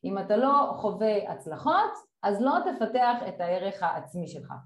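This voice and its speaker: A woman's voice: mid-range voice, very animated. Woman explaining in a roomy echo. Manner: explanatory, measured, with frequent fillers. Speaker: guest expert. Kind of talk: casual conversation.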